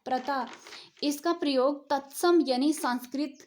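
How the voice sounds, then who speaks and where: A woman teaches a grammar lesson in a high, bright-toned voice. She speaks slowly, asks her own questions and answers them, and repeats the key words. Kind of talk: explaining Hindi grammar.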